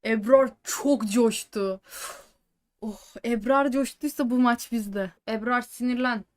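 An excitable woman streamer reacts live to a game she is watching, trading jokes with her chat. Her voice sits a little on the high side. She slips English words into her chatter. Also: slow, soft background music. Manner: excitable, swings between joking chatter and anxious outbursts.

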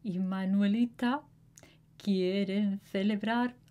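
A woman teacher, reading a simple story slowly and with careful enunciation for learners. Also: mid-range voice, fairly even intonation, dark tone, slight background noise. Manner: deliberate, clearly enunciated.

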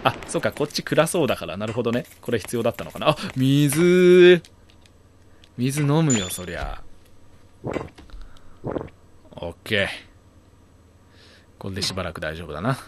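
A man doing let's play commentary, talking to himself in a chatty, joking way. His voice swings widely, from mutters to loud startled yells. Game sound plays loudly underneath him. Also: mid-range voice, sing-song, normal speed, pauses often, slight background noise. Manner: chatty, jokey, bursts into loud startled yelling.

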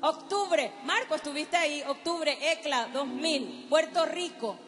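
A woman, preaching a testimony to a youth gathering. She speaks emphatically, directs the crowd and slows down for dramatic effect. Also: sits high. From Paraguay. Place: large hall with live audience. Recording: reverberant hall with background music.

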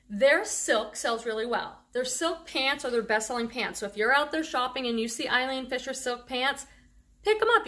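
A middle-aged woman from the Boston area, her voice sitting high with a fairly bright tone, gushes over her thrift haul as a reselling vlogger. A faint Boston accent slips into a handful of words as she chats casually and enthusiastically about her clothing finds.

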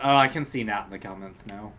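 A man's voice: on the low side, fast talker, pushed and bright, a little hiss or hum. A man providing casual commentary alongside a streamer, riffing wryly on absurd ideas. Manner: wry, riffing on absurd bits. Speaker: co-host commentator.

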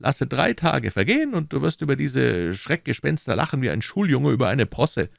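A scheming persuader who talks down to his listener, coaxing and lecturing, as a man reads him in a raised, lively voice. The voice sits well above the reader's own and swoops about. It is a dry, close audiobook recording. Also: mid-range voice, normal speed, creaky, no echo, voice pushed up. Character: scheming smooth-talking man, cold persuader. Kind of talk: audiobook character voicing.

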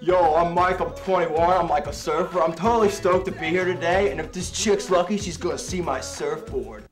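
A man's voice: sits high, normal speed, soft background music. A young man playing a slacker surfer contestant in an amateur comedy, casual and drawling. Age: young adult.

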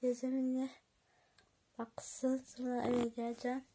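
A woman vlogging casually to her viewers, chatty and excitable, giggling often. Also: a little high, unhurried, background noise. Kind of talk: casual vlog chat to viewers.

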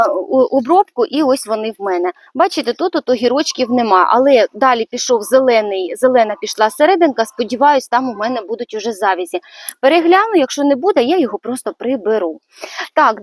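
A woman's voice: on the high side, no room sound. A woman giving a casual walkthrough of her vegetable garden, chatty and a little hesitant, with many fillers. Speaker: gardening vlogger.

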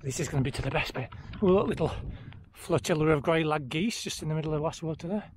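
A middle-aged man with a fairly high voice talks quickly and casually to the camera while running, sounding active and exerted as he films a running vlog. He's outdoors on an open fell trail beside a lake, and the outdoor background noise comes through clearly.

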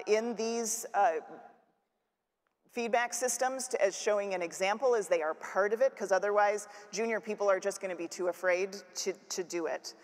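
Woman giving a keynote in a reverberant hall. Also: medium pitch. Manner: conversational, with fillers and restarts. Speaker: keynote speaker. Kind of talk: conference keynote talk. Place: large conference hall stage.

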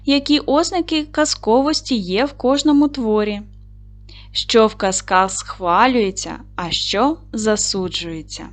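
A woman teacher giving a reading lesson to young children, with a clear, encouraging manner that leads them through questions. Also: fairly high pitch, unhurried. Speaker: primary school teacher.

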